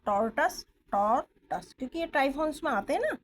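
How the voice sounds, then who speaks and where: Here she sounds animated and quick, her high voice moving briskly through a stenography lesson. Speaking English words with an Indian accent, she spells each word letter by letter and checks that the class follows. The low-quality audio, picked up from a distant phone or camera, carries slight background noise.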